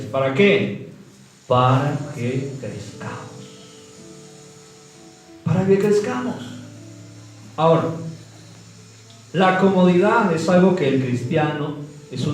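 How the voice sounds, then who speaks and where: A man's voice: mid-range voice, darkish tone. A man preaching a sermon, quizzing the congregation with call-and-response questions and swooping emphasis. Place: church hall. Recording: echoey hall from far off, faint music.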